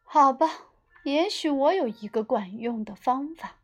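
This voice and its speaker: A fretful, caring mum from a children's storybook, acted by a woman narrator. Her voice sits high and the words come out with care. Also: lively intonation, unhurried. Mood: thoughtful. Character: fretful, caring mother of a sleepy girl. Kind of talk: storybook character voice.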